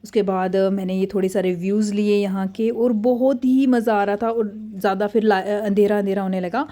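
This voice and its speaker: A woman in her thirties, a mother narrating a family vlog in a chatty, excitable way. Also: medium pitch, normal speed.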